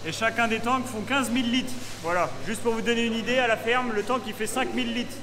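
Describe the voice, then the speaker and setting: Very high-pitched and brisk, with a sharp tone, this twenty-something farm vlogger chats enthusiastically through a tour of a large indoor barn and milking parlour, peppering it with fillers. The arm's-length action camera picks up a little hiss or hum.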